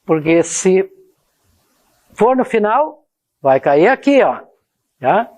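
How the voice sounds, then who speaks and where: A woman's voice: mid-range voice, sing-song, takes it slowly, darkish tone. A woman teaching a grammar lesson to her students, explaining each point and checking they follow, and reading example sentences aloud with exaggerated intonation. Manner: explanatory, addresses students directly with frequent checks like "tá?" and "ó". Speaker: Portuguese teacher.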